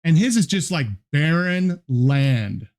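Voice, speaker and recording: A man comments on a video as he watches it. He talks casually, rambling through asides and fillers, and his voice sits a little high for a man. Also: lively intonation, slow pace, darkish tone. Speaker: reaction video host.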